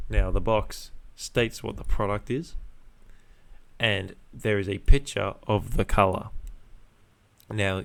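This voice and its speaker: A young man casually ranting as a podcast host, with laddish slang, heavy swearing and exasperated repetition for emphasis. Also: lowish voice. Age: young adult.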